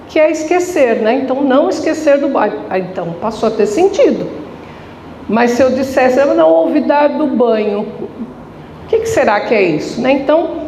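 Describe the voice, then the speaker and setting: A Brazilian woman with a slightly high voice delivers a spiritist lecture in a Brazilian Portuguese accent. She speaks in a conversational way, often posing rhetorical questions. Her voice rings around a roomy hall, with faint background noise. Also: a little mellow. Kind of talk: religious lecture.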